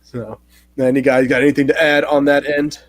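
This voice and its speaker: A man hosting a casual movie-review chat, relaxed and animated when he gets going. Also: medium pitch, fairly quick, dry recording. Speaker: host.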